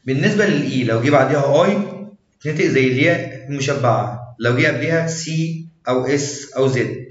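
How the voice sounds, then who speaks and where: A man with an Egyptian Arabic accent giving an English pronunciation lesson, saying each example word slowly and then repeating the list. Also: mid-range voice, echoey room, muffled recording.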